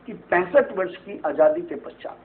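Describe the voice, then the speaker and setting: A man's voice: high-pitched, lively intonation, normal speed. A man, an astrologer guest on a TV interview, explaining at length in a preachy way and often asking "right?" to seek agreement. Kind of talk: TV interview answers. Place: TV studio. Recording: tinny phone-like band, faint hiss.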